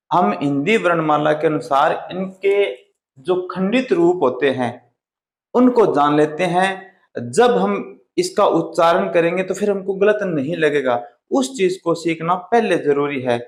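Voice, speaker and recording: A man teaches a Hindi grammar lesson in a slow, careful way, stretching out each vowel as he demonstrates it. His voice sits a little high. The recording has the hollow ring of an echoey room. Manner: deliberate, drawn-out sounding of vowels.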